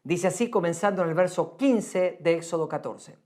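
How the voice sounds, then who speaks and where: A woman's voice: fairly low pitch, normal speed, dark tone. Earnest woman preaching a sermon. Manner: earnest, emphatic, repeats phrases for stress.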